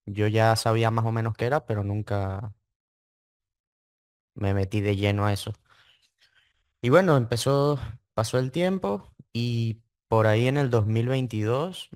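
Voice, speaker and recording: This man, an interview guest studying trading, comes from Mérida in Venezuela. His pitch sits fairly low, and the studio sound is clean without echo. He answers casually and hesitantly, often repeating words.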